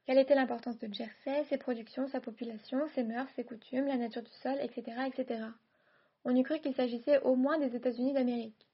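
A woman narrates a classic short story in a measured, quiet delivery. Her voice sits notably high. The recording is dull and lo-fi. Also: fairly even intonation, slightly rough.

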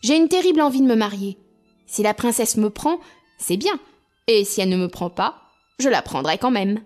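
A woman voicing a cheerful, boisterous young male simpleton in a storybook tale, calling out loudly and excitedly. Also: medium pitch, normal speed, faint music behind, close to an everyday voice. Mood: eager. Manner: loud, excited calls.

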